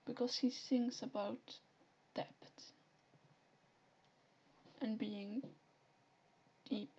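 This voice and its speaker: A woman with a Flemish accent, a native Dutch speaker, chatting softly and giggling as she streams and reads a story game aloud. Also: on the high side, fairly even intonation, very slow, dull audio, a little hiss or hum. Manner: soft-spoken, giggly. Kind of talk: casual live-stream chat, reading a story game aloud.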